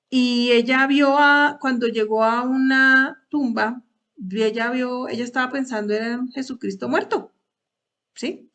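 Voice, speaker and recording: A woman with a fairly high, slightly bright voice leads a Bible study talk for women. She is hesitant at times, repeating words and asking rhetorical questions.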